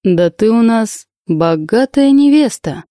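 Audiobook: woman voicing a joking thirtyish guy, slow drawl, mock-grand, warm low tone, dry close sound. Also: no echo, close to an everyday voice. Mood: flattering. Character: young male coworker, joking, teasing, about thirty. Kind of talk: audiobook reading.

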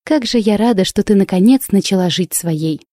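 Audiobook: woman voicing a bold girl artist, bright and teasing, higher than her own warm voice, dry sound. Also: normal speed, no room sound, natural voice. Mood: earnest. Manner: excited, exclaiming, teasing. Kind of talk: audiobook reading.

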